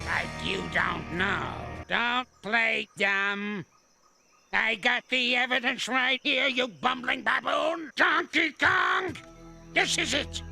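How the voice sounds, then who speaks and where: A man voicing a cranky old male ape in a cartoon, bossy and blustering, with a gravelly, crotchety voice. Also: very high voice, exaggerated voice. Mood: grumpy scolding. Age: older. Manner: scolding, blustering, insult-hurling. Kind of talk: cartoon voice acting. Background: loud cartoon music.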